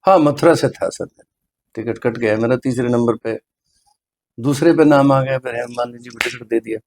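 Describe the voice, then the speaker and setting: Speaking with a mid-range, slightly mellow voice at a moderate pace, this middle-aged man, a hospital medical superintendent, mixes English phrases into his earnest, deferential interview answers. A little hiss or hum can be heard.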